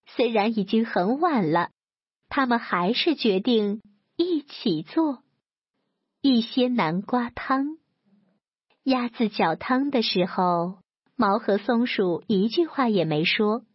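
A woman reads a children's story slowly and gently, her voice a touch high and breathy. The sound is dry and close, with a dull, lo-fi quality. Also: no echo. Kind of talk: children's story read aloud.

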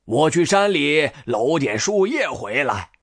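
Female reader doing a low, slow-spoken doting grandpa, storybook. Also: very animated, breathy edge, dry recording, studio quality, full character voice. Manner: warm, teasing, modest. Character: kind gentle old grandfather, doting.

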